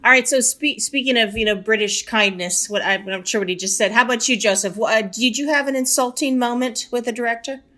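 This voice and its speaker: A woman on a video call, briskly moderating a panel and asking questions. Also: fairly high pitch, pushed and bright.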